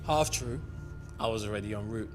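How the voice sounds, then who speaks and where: A man's voice: fairly low pitch, a little fast, lightly acted. An actor playing a blunt, matter-of-fact man who owns the labs. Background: game music.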